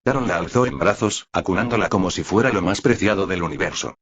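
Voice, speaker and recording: A man narrating an audiobook in an even, dramatic storytelling manner. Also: sits low, fast, husky, dull audio.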